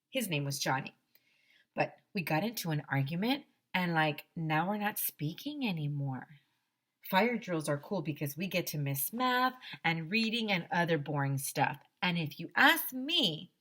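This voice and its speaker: A woman teacher with a fairly low-pitched voice reads a children's story aloud to young listeners, performing it in an expressive, dramatic way.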